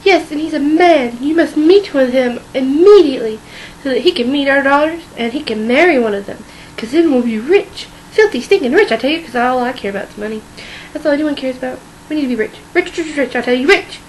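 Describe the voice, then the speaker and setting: A woman's voice: sits high, lively intonation, brisk, a little hiss or hum, rough recording. A woman voicing a greedy, money-obsessed mother who cackles and shrieks theatrically. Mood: greedy glee. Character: greedy, shrill, money-mad middle-aged mother.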